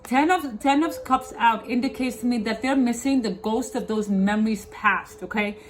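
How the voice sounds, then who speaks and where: A woman's voice: fairly high pitch, moderate pace, slight background noise. A woman with a slight lisp from wearing dental aligners, giving a tarot reading to viewers in an emphatic, repetitive way, often checking in with her listeners. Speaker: tarot reader, host.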